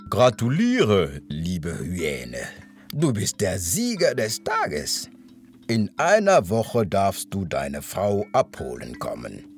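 Ein Mann als gebieterischer Löwenkönig. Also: male voice, deep voice, huge pitch swings, slow pace, faint music behind, heavily acted. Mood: approving. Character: lion king, stately older male ruler.

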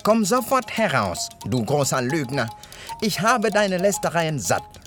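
Ein Mann als wütende, laute Hyäne. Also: male voice, mid-range voice, wildly swooping pitch, takes it slowly, soft background music, pitched above the performer's own voice. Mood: furious. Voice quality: loud, forceful put-on voice. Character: fierce male hyena suitor, strong and short-tempered.

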